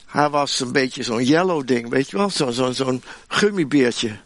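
A man preaching a sermon in a chatty, humorous way, with asides to the listeners, animated and with many restarts. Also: mid-range voice, measured pace. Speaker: pastor.

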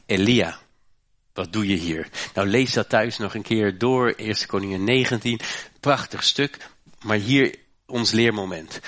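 A man's voice: mid-range voice, fairly bright tone. A man from the Netherlands preaching a sermon as pastor, earnest, repeating his phrases and tagging them with little questions.

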